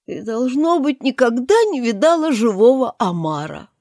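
Mock Turtle, a high, tearful sea creature voiced by a woman. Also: big pitch swings, normal speed, mellow, dry recording, clean studio sound. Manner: tearful, exclamatory, singsong. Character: sobbing, sentimental male sea creature.

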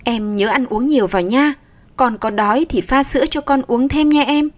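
Woman voicing a gentle young husband. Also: high voice, normal speed, natural voice. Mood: tender. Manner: gentle, coaxing.

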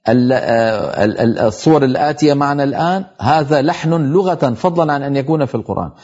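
A middle-aged man teaching tajweed on a televised lesson, explaining each rule and reciting the example words slowly. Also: a little high, a little mellow, breathy edge, muffled recording.

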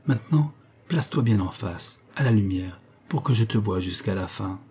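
A man reading the part of a dying old man who speaks gentle, tender words of farewell. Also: lowish voice, lively intonation, moderate pace, breathy edge. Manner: soft, gentle farewell speech.

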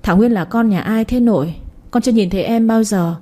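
Woman doing a lil schoolgirl voice, innocent, talks fast, mellow breathy tone. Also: on the high side, natural voice. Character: little schoolgirl, innocent, fiercely loves her mother.

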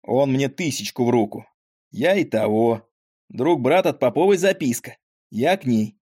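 A man's voice: medium pitch, animated, a little slow, a little mellow, husky. A man voicing a frail, talkative old father with a weak voice and rambling folksy speech, in an audiobook. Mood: grumbling, chatty.

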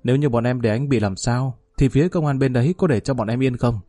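A nervous, fawning gangster underling pleads in a raised, eager voice, as a male narrator puts him on. The tone stays mellow and dry, with faint music behind this audio story. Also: mid-range voice, fast, no echo, close to an everyday voice. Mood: pleading.

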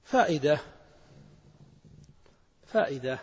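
A man's voice: a little high, animated, slow, darkish tone, slightly rough. A man teaching Arabic grammar to a class, asking students questions and repeating their answers. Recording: muffled recording in a reverberant hall.

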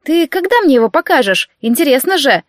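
Woman reading as whiny younger sister, pestering, high voice, storybook, dry close sound. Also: very animated, fairly quick, no echo. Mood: teasing. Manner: whining, pestering.

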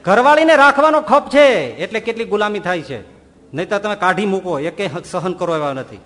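A man with a high voice delivers a sermon, throwing out rhetorical questions and acting out small scenes. His voice rings out with a long hall reverb. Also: normal speed, slight background noise. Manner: animated, rhetorical questions, acts out quoted voices. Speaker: swami giving a religious discourse. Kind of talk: sermon storytelling.

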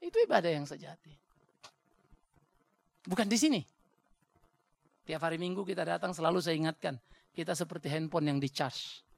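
A male pastor with a Batak accent preaching a sermon in a blunt, joking, animated way. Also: a little high, moderate pace, vocal fry, long pauses. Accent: Batak Indonesian.

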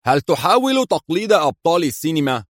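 A man voicing a furious, shouting European villain in an audiobook reading, high-strung and yelling. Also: big pitch swings, quick pace, no echo, clean studio sound. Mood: scornful.

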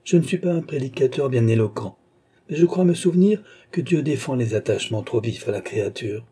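A calm, reasoning old doctor, voiced by a man reading aloud, his tone dark and mellow, slightly husky, and softly lowered. He lays out his argument patiently. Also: a little fast. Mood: explaining. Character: measured elderly male doctor, calm and reasoning.

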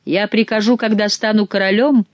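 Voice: medium pitch, steady tone, normal speed, no echo, lo-fi sound, voice pushed up, close to an everyday voice. A reader voicing an amorous, gallant young king who talks tenderly and effusively to his beloved.

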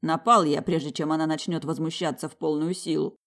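An audiobook narrator reading a novel in an even storytelling manner. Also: medium pitch, a little fast.

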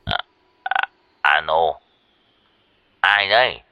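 A man's voice: low voice, animated, drawn-out words, pushed and bright, clean tone, no room sound, voice pushed down, exaggerated voice. A man voicing a frightened old father who stammers and quavers. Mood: nervous. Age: older.

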